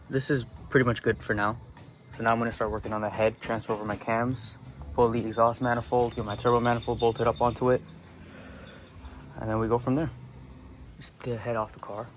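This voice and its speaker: A man's voice: mid-range voice, slight background noise, poor audio. A young man narrating a casual car-build vlog in his home garage, laid-back and swearing freely, recorded on a camera mic.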